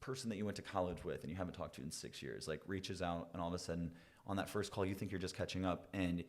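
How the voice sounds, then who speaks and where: A man's voice: low voice, fast talker. A young man hosting a podcast, chatting casually in an upbeat, motivational way about mindset and gratitude. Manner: upbeat, motivational, self-help talk. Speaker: podcast host. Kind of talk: casual chat.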